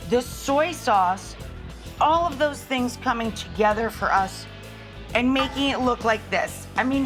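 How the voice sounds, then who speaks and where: Woman, middle-aged, cooking show host, chatty and enthusiastic, unhurried delivery, slightly high voice. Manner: chatty, enthusiastic, talks to the viewers. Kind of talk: casual cooking demonstration. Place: studio kitchen.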